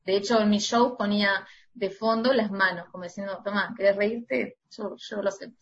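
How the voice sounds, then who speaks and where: A woman singer with an Argentine Spanish accent talks easily as a podcast guest, laughing often and leaning on fillers. Her voice sits at a middling pitch. The audio sounds a little muffled. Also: fairly even intonation, a little fast. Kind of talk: casual interview chat.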